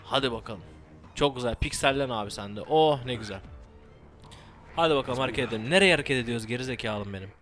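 A man's voice: mid-range voice, fast, a bit bright, soft background music. A young man giving profane, joking running commentary while playing a shooter game. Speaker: gameplay commentator. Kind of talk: let's play commentary.

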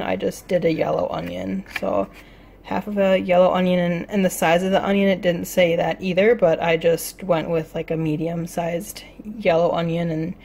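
A young woman chats her way through a home cooking vlog in a slightly low voice. She rambles and fills her pauses as she films on a phone at arm's length, with faint kitchen hum behind her. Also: vocal fry, a little mellow. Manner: chatty and rambling, with many fillers. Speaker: cooking vlogger. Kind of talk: casual cook-along vlog. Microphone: phone camera at arm's length.

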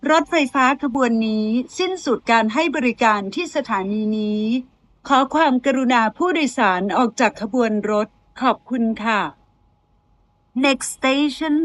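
Slow, high-voiced woman giving train announcements. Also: no echo. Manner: polite, measured, evenly spaced phrasing. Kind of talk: formal bilingual transit announcement.

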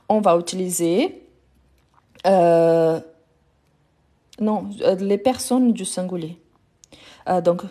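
A woman's voice: lowish voice, warm tone, slightly rough. A Brazilian-accented woman, a native Portuguese speaker, teaching a live French grammar lesson and patiently repeating each example.

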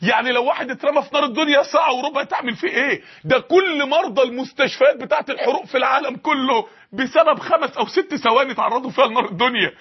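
Egyptian preacher guy, really high voice, talks fast and fired up, lofi muffled recording. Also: slightly rough. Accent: Egyptian Arabic. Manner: impassioned, rapid-fire rhetorical questions. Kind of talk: sermon. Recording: dull lo-fi lecture recording.

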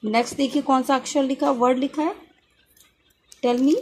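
A woman teaching young children, slowly repeating each syllable for them to echo. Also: high voice, steady tone, darkish tone, a little hiss or hum.

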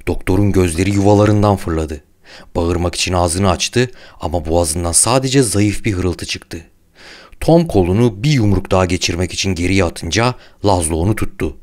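A man narrating an audiobook in a measured, even storytelling delivery. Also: low-pitched.

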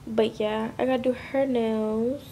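Stuffy and nasal from being sick, a twentysomething lifestyle vlogger from Florida rambles to camera in slangy, casual chat. Her fairly high voice holds a steady, dark tone with vocal fry at a measured pace, over slight background noise.

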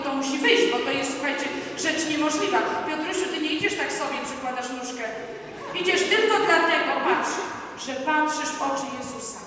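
A woman leading a retreat, staging a Bible scene with students and directing her young volunteers on stage, often calling out loudly to be heard. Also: sits high. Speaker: retreat leader. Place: large echoing hall at a school retreat. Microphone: distant from the microphone. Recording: echoey hall, distant, noisy.

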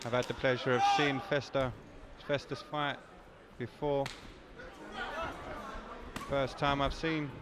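A man's voice: mid-range voice, flat delivery, slow pace, long pauses. A man giving live MMA fight commentary in clipped, present-tense phrases. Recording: loud venue crowd noise behind. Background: loud crowd.

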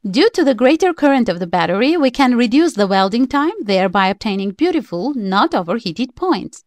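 A woman's voice: fairly high pitch, very animated, fairly quick, a little mellow, dry recording. A woman reading a prepared script as the voice-over narrator of a DIY electronics tutorial, in plain, slightly stiff phrasing.

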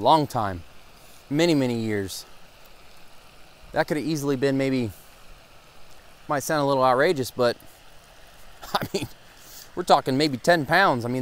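A young man gives excited, casual running commentary to viewers while fishing from a pond bank, recorded on a head-mounted action camera outdoors. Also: medium pitch. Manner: excitable, talks to viewers as guys. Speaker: fishing vlogger.

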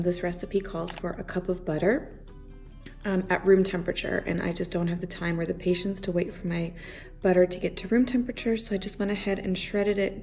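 A woman's voice: on the low side, a little mellow. A woman in her thirties chatting casually through a home baking demo in her kitchen, rambling with lots of fillers.

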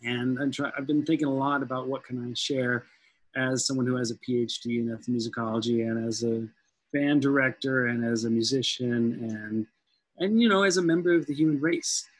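A man in his forties, a guest music professor, joins a panel video call from a room at home on a headset mic, speaking thoughtfully and conversationally with many fillers. His mid-range voice is brisk, and the rough recording has no echo.

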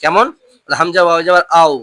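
Patient teacher with a bright, crisp voice. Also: mid-range voice, fairly even intonation, no echo. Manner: patient, repeats questions, slows down to model pronunciation. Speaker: Quran reading teacher. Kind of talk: lesson with call-and-response drilling.

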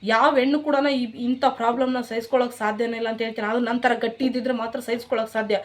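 A woman's voice: a little high, fairly even intonation, quick pace. A young woman vlogger with a Kannada accent, scolding her viewers in an indignant, emphatic rant straight to camera. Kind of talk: emotional direct-to-camera rant.

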